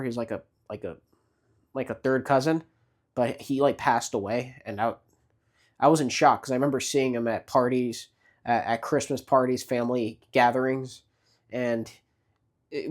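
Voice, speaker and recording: A man's voice: mid-range voice, steady tone, normal speed. A man in his late twenties giving casual motivational advice, rambling with many fillers and restarts. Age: 20s. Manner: frequent restarts and repeated words. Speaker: vlogger.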